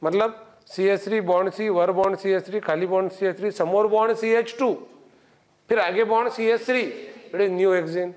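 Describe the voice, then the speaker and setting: A man's voice: high-pitched, fairly even intonation, normal speed. A middle-aged man teaching chemistry in a coaching classroom, lecturing and quizzing students with constant checks. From India.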